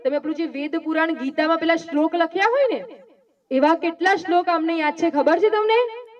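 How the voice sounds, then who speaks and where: High-voiced woman preaching to children from far off. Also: lively intonation. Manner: coaxing, quizzing the children with quick questions. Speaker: Jain nun giving a talk to schoolchildren. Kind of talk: simple sermon to children with call-and-response questions. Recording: dull sound from far off the mic.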